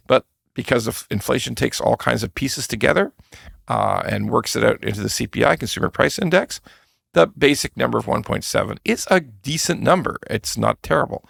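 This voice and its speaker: A man's voice: mid-range voice, normal speed, vocal fry, fairly bright tone, husky, dry recording, studio quality. A middle-aged man hosting a mortgage podcast, talking bluntly and emphatically with mocking asides. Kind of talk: casual commentary.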